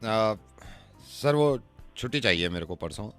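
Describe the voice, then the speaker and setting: A man's voice: on the low side, expressive, measured pace, a bit bright, faint music behind. A male radio host making a prank phone call, stubbornly insistent and repeating himself with mock innocence.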